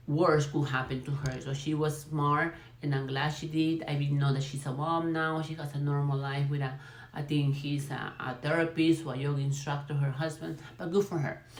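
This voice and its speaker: A Peru-born woman in her forties hosting a casual, rambling gossip commentary video, talking with many fillers and restarts. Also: low voice. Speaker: YouTube channel host. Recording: echoey room.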